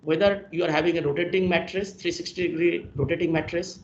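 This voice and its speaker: Over a video call, a man with a fairly high voice and fairly even intonation walks through a technical presentation at a quick pace, taking each point step by step and then summing up. His computer mic, heard via screen recording, sounds echoey and dull with a faint hiss.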